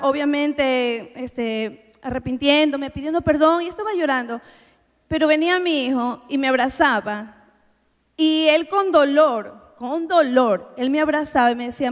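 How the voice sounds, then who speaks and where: High-voiced woman preaching in a reverberant hall. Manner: earnest, heartfelt preaching to the congregation. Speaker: church women's workshop speaker. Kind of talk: sermon with personal testimony. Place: church meeting hall.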